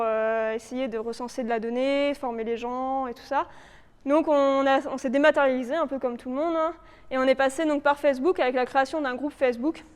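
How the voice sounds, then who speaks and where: Speaking to a live audience in a reverberant indoor meeting room that sounds like a large hall, a woman presents slides for a local authority biodiversity project. Her high voice is clear and resonant. She explains informally, hesitating and improvising as she goes.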